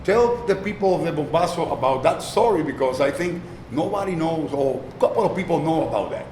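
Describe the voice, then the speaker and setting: A Puerto Rican man hosts a sports interview segment, hitting each sponsor name with punch before switching to halting English questions. His voice sits a bit high. The sound is roomy, with faint noise behind it. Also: expressive, darkish tone. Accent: Puerto Rican Spanish. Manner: emphatic ad-style sponsor plugs. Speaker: interviewer and sports show host. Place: restaurant.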